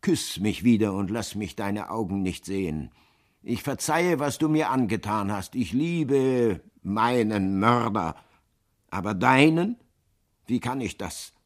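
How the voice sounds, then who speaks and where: A man's voice: on the low side, animated, slow pace. A man voicing a passionate, anguished lover. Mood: grieving. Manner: impassioned, swinging between hushed and loud.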